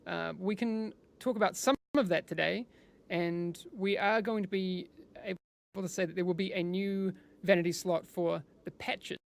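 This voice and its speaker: A chatty male host running a live-streamed studio interview. His voice carries a gravelly fry, and he often restarts his sentences before checking facts with his guests. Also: sits high, steady tone, moderate pace. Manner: chatty and rambling, with frequent restarts. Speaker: livestream host interviewing developers.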